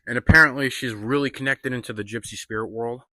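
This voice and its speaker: Bright-voiced man reviewing a film casually. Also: medium pitch, fast talker, no echo, studio quality. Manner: loose and profane, heavy on "like" and slang. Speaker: movie reviewer.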